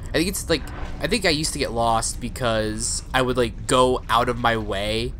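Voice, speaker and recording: A man's voice: medium pitch, moderate pace, fairly bright tone. A man giving casual let's play commentary, tossing sarcastic asides at the game. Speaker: gamer, let's player. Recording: clearly noisy, game ambience behind.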